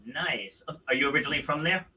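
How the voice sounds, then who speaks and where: A bright, fairly high-voiced man hosts a podcast in a loose, chatty way, often stopping to correct himself. He sounds a little far from the mic, with a touch of distance on his voice. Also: lively intonation, quick pace, slight background noise. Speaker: podcast host. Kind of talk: casual interview hosting.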